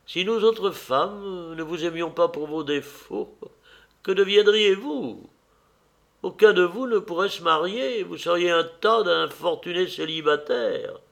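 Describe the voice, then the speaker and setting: A man voicing an old society hostess, a bossy matchmaker who talks in a fussy, commanding way with a raised, fluttery pitch. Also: lively intonation, measured pace, vocal fry, a bit bright, exaggerated voice. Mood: chiding.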